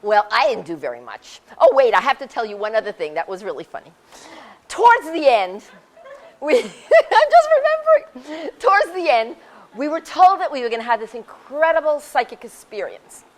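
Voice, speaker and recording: A woman in her sixties telling her story in a casual, animated way, laughing often and acting out what people said. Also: sits high, normal speed. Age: 60s. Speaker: speaker sharing her experience. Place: community center hall.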